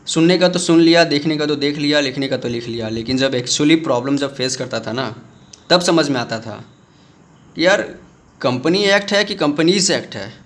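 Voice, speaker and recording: A man teaching a commerce lesson on video. He explains with everyday examples, calls his viewers friends, and acts out student questions in a lower voice. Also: fairly bright tone. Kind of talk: video lecture.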